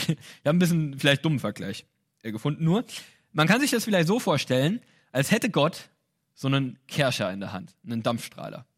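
A man delivers a sermon in a relaxed, colloquial tone, with light laughs now and then. His voice sits a little high and moves up and down a lot as he acts out the lines of the people in his story. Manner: lively, animated storytelling with acted-out quotes. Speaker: preacher.

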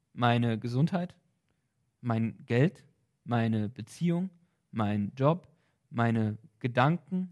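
Earnest man giving a devotional talk. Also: fairly high pitch. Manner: thoughtful, earnest, with small hesitations and restarts; drops into quiet, soft prayer. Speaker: devotional speaker.

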